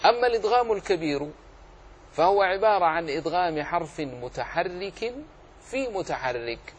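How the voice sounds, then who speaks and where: A middle-aged man teaching a religious lesson on Quran recitation, explaining rules patiently and slowing down to demonstrate readings. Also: high-pitched, expressive, a little hiss or hum. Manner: explanatory, acts out quoted readings slowly.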